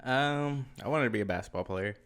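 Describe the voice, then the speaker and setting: A man on a casual podcast who grumbles his way through, reluctant and deadpan. His voice sits in a middle pitch, low-key and unimpressed. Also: fairly quick. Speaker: podcast co-host. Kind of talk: casual chat.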